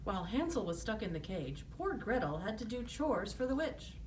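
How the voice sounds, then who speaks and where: A woman narrates as if opening a fairy tale for children. Her pitch moves in lively swings through the scripted story. She sounds slightly away from the mic, with faint noise. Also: moderate pace, far from the mic.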